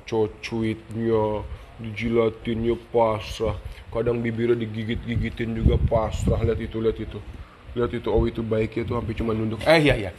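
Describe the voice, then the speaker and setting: A man hosting a casual live stream at home with his dogs, cooing baby talk at them and chatting to his viewers. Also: lowish voice. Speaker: dog owner and live stream host. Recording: live stream with steady background noise.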